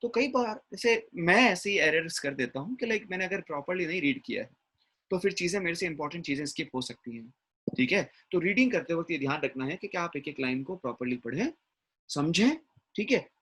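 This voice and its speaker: A man's voice: fairly high pitch, animated, brisk, pushed and bright, breathy edge. A man giving a classroom lecture as an English teacher, often checking in with his listeners. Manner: mixes English words into explanation, frequent "ठीक है ना?" check-ins.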